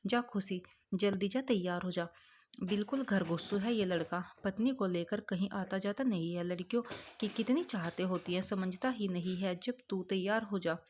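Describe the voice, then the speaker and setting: Storybook role: a woman reads a warm-hearted, coaxing mother-in-law. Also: medium pitch, moderate pace, a little hiss or hum, close to an everyday voice. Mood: fond, coaxing. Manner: affectionate, coaxing. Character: kind, doting middle-aged mother-in-law.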